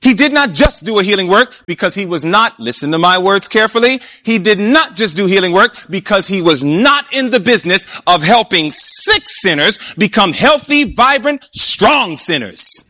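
A man preaching a sermon, emphatic, often asking his listeners questions and slowing down to stretch key words. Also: high voice, big pitch swings, sharp tone. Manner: emphatic, asks the audience questions.

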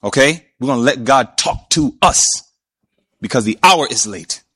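A man preaching a sermon, emphatic, often asking his listeners questions and slowing down to stretch key words. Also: mid-range voice, animated, a bit bright, breathy edge. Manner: emphatic, asks the audience questions.

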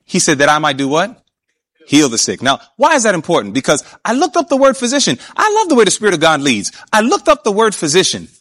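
A man preaching with a bright, forceful voice that swings widely in pitch. He is emphatic, keeps asking his listeners questions, and slows down to drag out key words. His voice sits a little higher than most men's. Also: wildly swooping pitch. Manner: emphatic, asks the audience questions. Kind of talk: sermon.

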